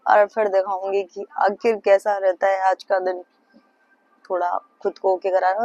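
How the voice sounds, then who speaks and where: A woman's voice: fairly low pitch, darkish tone, highs cut off. A young woman from central India chatting on a casual travel vlog, wistful and talkative, mixing in English words, recorded outdoors on a hand-held phone. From Madhya Pradesh, India. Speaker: vlogger. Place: outdoors on the road.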